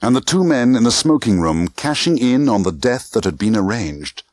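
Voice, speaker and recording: An audiobook narrator reads a spy thriller novel as dramatic scripted narration, tense and theatrical in clipped short phrases. His medium-pitched, slightly mellow voice has a sing-song quality at normal speed, with no echo.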